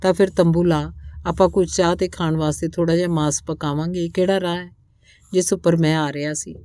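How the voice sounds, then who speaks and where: A woman voicing a steady male traveller. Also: lowish voice, fairly quick, no echo, lightly acted. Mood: calm.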